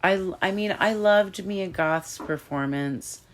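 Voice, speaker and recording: A woman's voice: medium pitch, takes it slowly, slight background noise. A woman co-hosting a podcast in casual chat, enthusiastic and agreeable. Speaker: podcast co-host.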